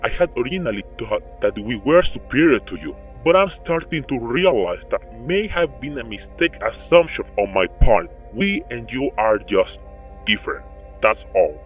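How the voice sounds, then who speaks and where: Calm, mocking male fallen angel lord in a deep voice-changer pitch, read by a narrator, slow and philosophical, with an animated rise and fall. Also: soft background music. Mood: musing. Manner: slow, musing, philosophical delivery. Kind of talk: quoting game dialogue.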